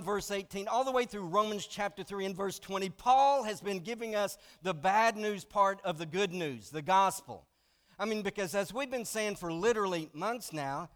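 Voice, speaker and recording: A male pastor preaching a sermon, telling jokes and teaching with frequent "I mean" asides. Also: high voice. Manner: animated storytelling with frequent "I mean".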